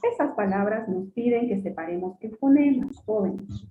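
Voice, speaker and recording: A woman's voice: medium pitch, animated, normal speed, slight background noise. A woman teacher giving an online class, explaining patiently, repeating her points and calling her students "jóvenes". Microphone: computer mic on a video call. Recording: echoey, phone-like video call audio.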